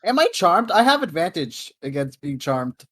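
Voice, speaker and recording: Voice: mid-range voice, very animated, normal speed, fairly bright tone, no room sound, studio quality. A tabletop player who laughs often and talks loosely. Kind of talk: casual game chat.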